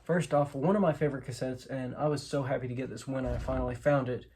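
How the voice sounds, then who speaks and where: This host has a medium-pitched, steady, slightly mellow voice and a quick pace. He presents his collection without a script, hedging and correcting himself as he talks. The recording carries clear background noise along with clicks and clatter.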